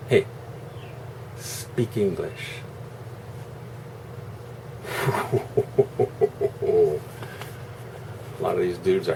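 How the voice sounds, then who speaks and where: A man's voice: low-pitched, recorded from a distance. A man giving a casual, opinionated monologue in a rambling, sarcastic, salty way. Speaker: online video host. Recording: constant air-conditioner hum, noisy room.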